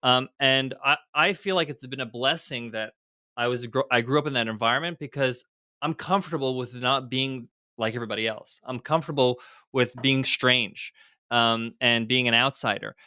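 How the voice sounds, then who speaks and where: A man's voice: mid-range voice, moderate pace, bright, forceful tone, no echo, clean studio sound. A middle-aged man, a guest entrepreneur, speaking candidly in a casual podcast interview with frequent fillers and restarts. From United States.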